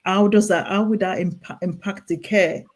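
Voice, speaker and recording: With a medium-pitched, darkish voice and fairly even intonation, a Nigerian-accented woman speaks at a normal speed. She is a clinical nurse specialist on as a guest, explaining earnestly and urgently while often restarting and repeating her sentences.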